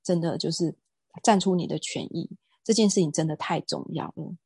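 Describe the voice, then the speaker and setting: Outspoken husky-voiced woman guest. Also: lowish voice, fairly quick, dry recording. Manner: outspoken, self-described fiery temper; animated storytelling. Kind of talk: casual interview talk.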